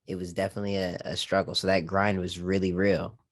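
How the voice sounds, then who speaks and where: A man's voice: sits low, flat delivery, quick pace. A man who grew up in Japan, telling stories casually as a podcast guest, easygoing with many fillers. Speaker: guest content creator. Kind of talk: relaxed podcast conversation.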